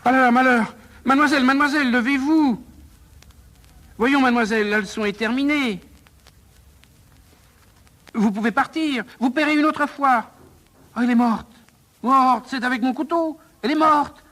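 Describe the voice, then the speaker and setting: A man's voice: high-pitched, slow pace, fairly bright tone, voice pushed up. A man reading a play aloud, voicing a pedantic old professor who drills his pupil over and over and turns menacing. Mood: panicked. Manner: insistent, repetitive drilling, rising to panic. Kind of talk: dramatic stage reading.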